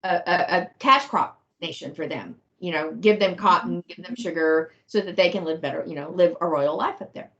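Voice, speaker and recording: A Texan woman author, guesting on a video call, talks reflectively about her book and thinks aloud with many restarts in a casual discussion. Her voice is on the low side and a bit bright, at normal speed with few pauses, and the call audio is muffled and lo-fi.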